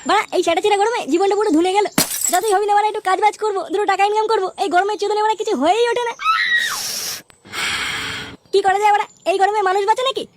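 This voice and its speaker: Brief: very high-pitched woman, rapid crude slangy cartoon banter, noisy recording. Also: fairly even intonation. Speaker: voice of several cartoon boys. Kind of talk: crude comic cartoon dub.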